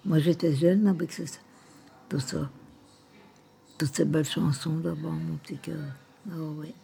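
An older woman with a low, gravelly voice chats tenderly with a visitor in her nursing home room, speaking at a measured pace with fairly even intonation. She rambles, keeps calling the listener "my little heart," and softly hums and half-sings old songs.

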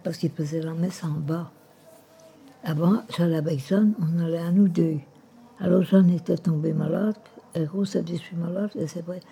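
Her voice is lowish, creaky, and slightly rough, with a steady tone and normal speed, as this elderly woman chats with a visitor in her nursing home room. Rambling and affectionate, she keeps saying "my little heart" and drifts into soft humming and half-sung old songs.

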